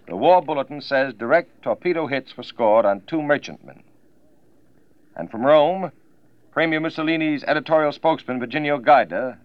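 A man's voice: mid-range voice, no room sound. Man reading news in old 1940s radio sound. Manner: crisp, measured announcer delivery. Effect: old 1940s radio broadcast sound. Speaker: news announcer. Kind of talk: formal 1940s radio newscast. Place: network newsroom studio. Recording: dull, dry old radio broadcast recording.

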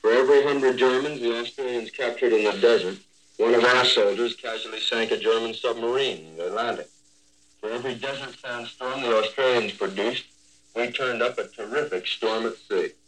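A man's voice: mid-range voice, fairly bright tone, slight background noise, rough recording. Man filing a 1940s radio war report. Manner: measured, descriptive reading from script.

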